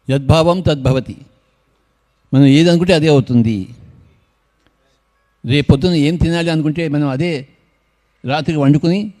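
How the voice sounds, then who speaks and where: A man's voice: fairly high pitch, mellow. An older man, leading a meditation gathering and speaking informally, with joking, teasing asides to people in the crowd. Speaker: meditation movement leader.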